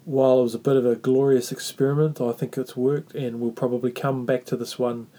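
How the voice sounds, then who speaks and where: A man with a New Zealand Māori accent hosting a reflective faith talk, speaking earnestly and haltingly with repeated phrases. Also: medium pitch, level tone, warm tone. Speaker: podcast host.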